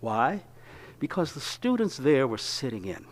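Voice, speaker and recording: A man's voice: mid-range voice, big pitch swings, unhurried. An older man giving a reflective storytelling talk, with wry laughs and frequent hesitations. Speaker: lecturer.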